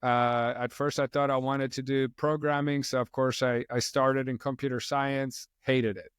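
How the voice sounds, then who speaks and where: A middle-aged man from Poland talks in a loose, wandering way, dropping plenty of fillers as a podcast guest. His voice is smooth and resonant. The sound is dry and close. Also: mid-range voice, moderate pace, no room sound. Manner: relaxed, rambling, frequent "you know" fillers. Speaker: podcast guest, company co-founder. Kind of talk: casual interview chat.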